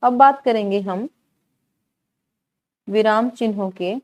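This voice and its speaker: A woman teaching a grammar lesson for exam preparation, asking the class questions and answering them herself while repeating key words slowly. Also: medium pitch, darkish tone.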